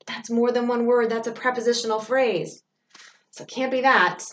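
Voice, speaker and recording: A woman's voice: a little high, steady tone, moderate pace, a bit bright, roomy sound, far from the mic, dull audio. A woman teacher, patiently asking questions as she takes her pupils through a remote grammar lesson.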